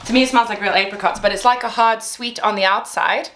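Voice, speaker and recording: Tasting snacks and laughing frequently, a woman vlogger with a Zimbabwean accent keeps up a casual chat. She talks fast, with a fairly bright, higher-side voice and fairly even intonation, recorded in an echoey room with faint noise.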